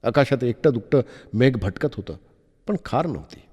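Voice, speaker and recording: A man narrating an audiobook novel with expressive, measured storytelling. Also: mid-range voice, breathy edge. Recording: long reverb.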